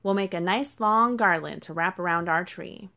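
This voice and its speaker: A woman's voice: on the low side, normal speed, pushed and bright. Woman reading a reassuring mother fox.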